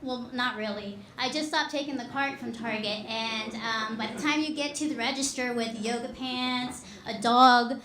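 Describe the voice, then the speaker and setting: A woman's voice: a little high, steady tone, normal speed, hardly any pauses, fairly bright tone. A woman in her thirties from Texas, performing a stand-up comedy set in a dry, self-deprecating way. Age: 30s. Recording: echoey live room.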